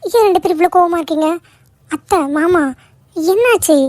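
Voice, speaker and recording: A woman's voice: very high-pitched, normal speed, darkish tone, no room sound, studio quality. A woman voicing a caring young daughter-in-law in a cartoon, pleading and soothing. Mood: worried. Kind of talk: cartoon voice acting.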